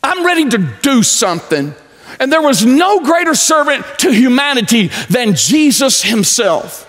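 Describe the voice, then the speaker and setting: A pastor in his forties preaching a sermon on a large church stage, pacing as he talks and swinging from loud to low. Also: big pitch swings, a little slow. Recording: echoey church hall.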